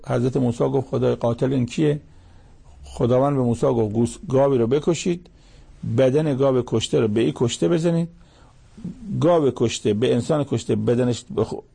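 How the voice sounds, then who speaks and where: A man giving a sermon that explains Quranic verses line by line and grows animated when he acts out quotes. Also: mid-range voice, creaky, slightly rough. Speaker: preacher.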